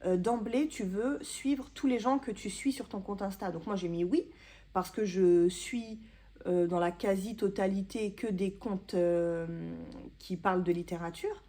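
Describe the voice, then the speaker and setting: A woman's voice: medium pitch, a little slow, mellow. A woman in her thirties chatting casually to camera in a book vlog, self-mocking and full of small hesitations. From France. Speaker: booktuber.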